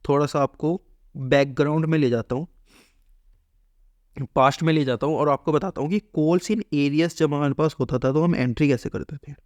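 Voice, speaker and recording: A commerce teacher explains an accounting lesson in a slightly mellow, medium-pitched male voice with no room sound. He keeps posing questions and answering them himself, and he acts out the company's lines.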